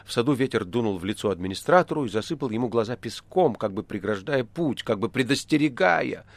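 Мужчина читает аудиокнигу, сухой звук. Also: male voice, medium pitch, fairly quick, no echo. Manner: expressive, even storytelling. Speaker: audiobook narrator. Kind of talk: literary audiobook reading.

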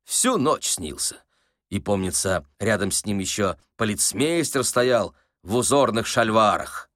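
A man's voice: lowish voice, lively intonation, unhurried, a bit bright, no echo, clean studio sound. A man voicing a genial, self-assured con man who talks easily with a light mocking edge. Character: smooth confident male con man, genial and playful. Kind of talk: audiobook character voice.

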